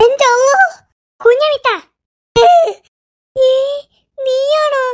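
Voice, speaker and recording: Performer as a comic cartoon aunt, gullible, easily scared, squeaky very high voice, shrill exclamations. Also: drawn-out words, noisy background, heavily acted. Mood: startled. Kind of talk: cartoon voice acting.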